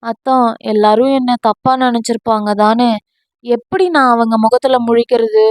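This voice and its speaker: A woman voicing a flustered, sharp-tongued young wife in an audio novel, complaining snappily. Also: fairly high pitch, steady tone, moderate pace, no room sound, close to an everyday voice. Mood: anxious.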